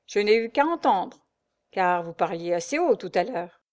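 A woman voicing a calm, polite young male nobleman who answers evenly and courteously in a read-aloud story. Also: mid-range voice, moderate pace, lightly acted. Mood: composed.

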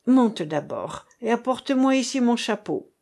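A woman's voice: a little high, sing-song, a little slow, vocal fry, warm tone, voice pushed up, heavily acted. Woman doing an impatient nervous father. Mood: urgent.

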